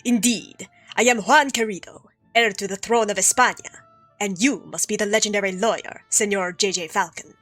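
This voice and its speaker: A woman's voice: medium pitch, steady tone, normal speed, fairly bright tone, soft background music, lightly acted. A woman voicing a courteous young male Spanish prince with a put-on Spanish accent, reading game dialogue aloud in a formal, flowery way. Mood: courtly.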